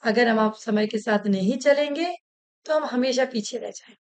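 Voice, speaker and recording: A woman's voice: a little high, moderate pace, darkish tone, natural voice. A woman voicing a stern traditional mother-in-law, an older woman who scolds and harks back to the old days. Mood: wise.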